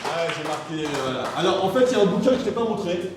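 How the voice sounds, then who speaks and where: A man on stage doing crowd work during a comedy mind-reading act, ribbing audience members with quick jokes. His voice sits fairly high, and it rings out through a very echoey hall from a handheld mic. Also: expressive, noisy background. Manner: teasing, joking, quick-witted crowd work. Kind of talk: live stage banter with the audience. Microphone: handheld microphone.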